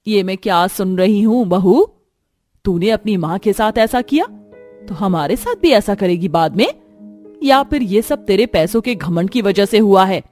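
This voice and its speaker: A stern, suspicious mother-in-law from a cartoon story, played by a woman, her voice mid-pitched and pointed. She questions in a reproachful tone, with faint music behind. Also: lively intonation, normal speed, darkish tone, lightly acted.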